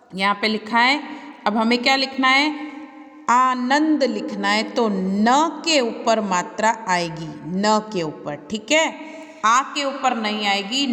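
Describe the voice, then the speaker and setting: A woman's voice: on the high side, a bit bright. A woman teacher recorded on a mobile phone, patiently taking young children through a worksheet, repeating each word and asking the class back. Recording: long reverb, recorded on a phone.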